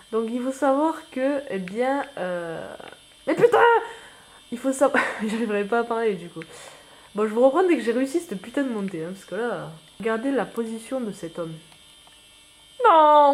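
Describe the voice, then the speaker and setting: A man giving casual gameplay commentary as a new YouTuber, rambling and self-mocking, full of slang and excitable outbursts at the game. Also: extremely high pitch.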